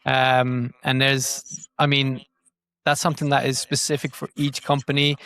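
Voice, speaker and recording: A man with a medium-pitched, slightly bright voice talks a little slowly in a level tone. As a podcast guest and digital growth marketer, he explains things in relaxed interview fashion, repeating words while thinking. He is not a native Norwegian speaker and speaks it brokenly.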